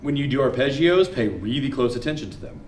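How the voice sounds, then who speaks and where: A man teaching a music theory class, quizzing students and counting notes aloud in a lively lecture. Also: medium pitch, fairly quick, distant mic, a little hiss or hum. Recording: roomy classroom with guitar behind.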